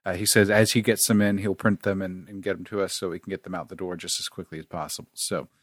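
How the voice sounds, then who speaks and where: A man's voice: low-pitched, little pitch movement, quick pace, no echo, clean studio sound. A man co-hosting a podcast, talking casually with many fillers and restarts as he reads out show business. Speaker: podcast co-host.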